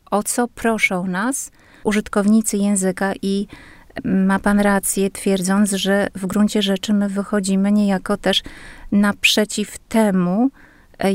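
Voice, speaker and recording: A woman linguist explaining language rules in a measured, patient way, speaking as a guest on a radio interview. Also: medium pitch, a little mellow, no room sound.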